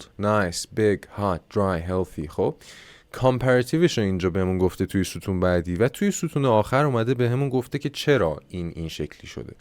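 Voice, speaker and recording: معلم زبان مردی با صدای بم. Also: male voice, lowish voice, a little mellow, no echo. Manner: explains grammar in Persian, reading English examples slowly; self-mocking aside. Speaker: English teacher. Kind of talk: online English lesson.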